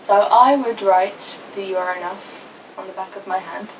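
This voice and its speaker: A young woman co-hosting a casual video chat, telling a story with quick asides. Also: medium pitch. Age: young adult. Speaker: YouTube co-host. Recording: distant mic with faint noise.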